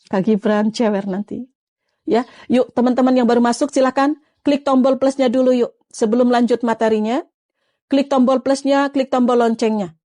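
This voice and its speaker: A woman preacher giving a lively, coaxing religious talk, speaking to her viewers as friends. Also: a little high, no room sound, clean studio sound. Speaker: Islamic preacher. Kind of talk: live-streamed religious talk.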